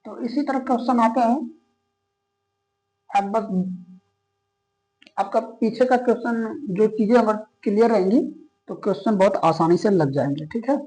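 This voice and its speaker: Poor audio captures a man lecturing on maths in a classroom. His voice sits high and a little mellow, at normal speed with frequent pauses. He takes students through each step patiently, peppering his sentences with English maths terms and regularly checking with "okay?".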